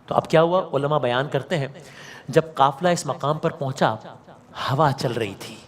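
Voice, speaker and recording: A man narrating a religious story as a sermon, dramatic, asking rhetorical questions and repeating key phrases. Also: medium pitch. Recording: long reverb hall.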